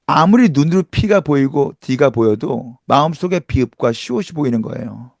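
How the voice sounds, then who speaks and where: A man's voice: medium pitch, vocal fry, darkish tone, no room sound. A middle-aged man teaching English pronunciation in an emphatic lecture style, asking rhetorical questions and demonstrating sounds. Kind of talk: lively online lecture.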